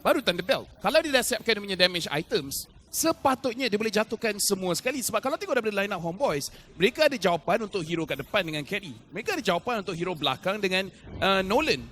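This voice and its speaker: A Malaysian man analyses a live esports match in colloquial, English-peppered speech. His voice is high for a man and forceful. There is faint game noise behind him. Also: sing-song, fast. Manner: casual, colloquial phrasing mixed with English game terms. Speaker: esports commentator.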